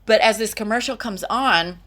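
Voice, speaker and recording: A woman's voice: fairly high pitch, moderate pace, a bit bright. Middle-aged texas woman hosting a podcast, chatty, lots of ums and likes. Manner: chatty storyteller with fillers. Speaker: podcast host. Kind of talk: casual chat.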